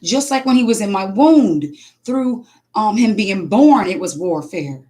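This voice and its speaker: A mother speaking casually, telling an animated spiritual testimony full of restarts and acted-out quotes. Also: mid-range voice, unhurried.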